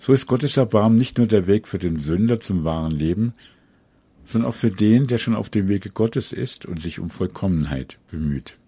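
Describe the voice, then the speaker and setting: A man giving a spoken sermon in an earnest, measured devotional tone. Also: lowish voice, animated, mellow, husky, no echo. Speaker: preacher.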